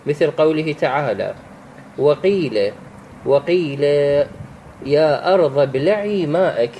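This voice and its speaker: A man with a slightly high but warm, mellow voice teaches recitation rules. He speaks patiently, repeating each example word and restarting phrases as he explains. A faint hiss sits behind him. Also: rough recording.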